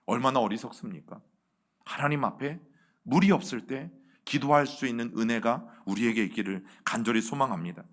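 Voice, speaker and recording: A man's voice: mid-range voice, brisk. A man preaching as senior pastor at a Wednesday evening church service, calling out to the congregation and asking them questions he then answers. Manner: addresses the congregation as "여러분" again and again, asks questions and answers them. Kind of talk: sermon.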